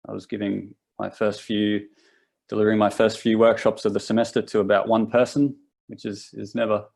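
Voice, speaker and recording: A young Australian workshop host in his twenties talks fairly quickly in a fairly low, gravelly voice that is level in tone and a little mellow. The live session is casual, and he rambles, often beginning his sentences again.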